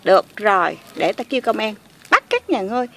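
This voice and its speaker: A woman's voice: medium pitch, very animated, brisk. A woman voicing a whiny, dramatic doll lady who pleads and cries. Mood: huffy. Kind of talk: toy play voice acting.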